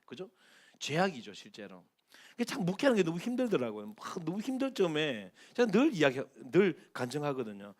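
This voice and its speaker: A middle-aged man, a pastor preaching a sermon who acts out quoted speech, swinging from loud to soft. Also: high-pitched. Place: church sanctuary.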